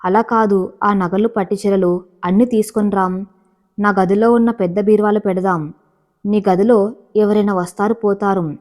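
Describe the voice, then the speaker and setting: A woman voicing a scheming, sharp-tongued older mother-in-law in a storybook reading, with a sly, smoothly cutting way of talking. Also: medium pitch, steady tone, normal speed, lightly acted.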